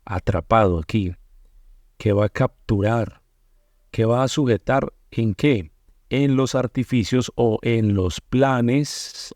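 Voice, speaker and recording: Pastor, male, low mellow voice, dry sound, patient explainer who answers his own questions. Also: dry recording. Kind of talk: bible study teaching.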